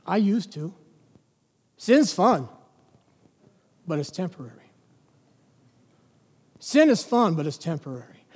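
A man preaches an evening sermon in a church, his voice pitched high. He leans hard on key words, then slows to single drawn-out words or falls to a near-whisper. The sound rings with the long reverb of a big hall. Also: big pitch swings, a little mellow, breathy edge.

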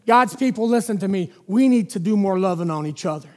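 A male preacher giving an evening sermon in a church, emphatic, stretching single words slowly and dropping to a near-whisper. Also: high-pitched, lively intonation, in a large hall.

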